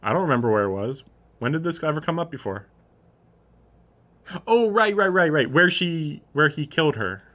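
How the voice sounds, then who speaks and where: Reading a story on a live stream, a man speaks in a fairly bright, sing-song voice on the high side, at a moderate pace with long pauses. He drops informal, questioning asides between passages, casually puzzling over the text.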